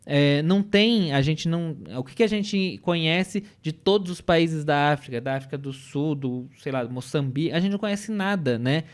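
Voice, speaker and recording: His voice is fairly high, clear and resonant, moving at a moderate pace with few pauses. He's a young adult podcast panelist with a Brazilian Portuguese accent, opinionated and emphatic in a casual chat, tacking "né?" and "entendeu?" onto many sentences.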